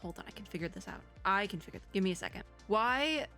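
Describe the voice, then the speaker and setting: Sitting at her home computer setup, a woman who hosts reaction videos as a VTuber chats casually to gamers. Her mid-range voice is expressive, fast, bright and forceful as she rambles with playful exasperation, faint music playing behind her.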